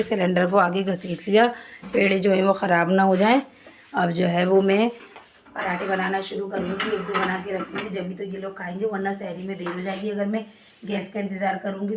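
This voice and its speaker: A woman's voice: mid-range voice, recorded from a distance, slight background noise. Chatty woman vlogging from an echoey kitchen. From Pakistan. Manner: chatty, pious, talks to viewers while cooking. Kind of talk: casual home vlog narration. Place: home kitchen at night.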